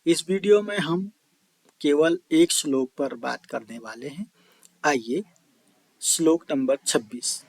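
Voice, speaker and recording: Male teacher, high-pitched, unhurried, quizzes the class and answers himself; chants verse lines slowly. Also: gravelly, darkish tone, no room sound. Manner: addresses listeners as children, asks and answers own questions. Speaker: Sanskrit teacher. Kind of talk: classroom explanation video.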